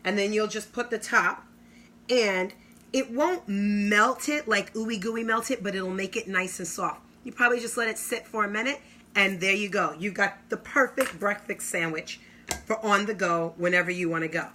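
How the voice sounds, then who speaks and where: Bright, enthusiastic woman demoing kitchen gadgets. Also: medium pitch, slight background noise. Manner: enthusiastic salesy, drawn-out exclamations. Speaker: product demonstrator. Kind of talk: live kitchen product demo.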